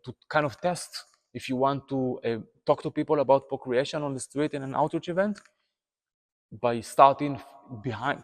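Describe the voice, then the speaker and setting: Seated in a room, an activist in his thirties makes an earnest to-camera appeal to viewers in an Israeli accent, Hebrew being his native language. His speech is full of fillers and restarted words, and his voice is mid-range. Though he wears a lapel mic, there's a long reverb tail.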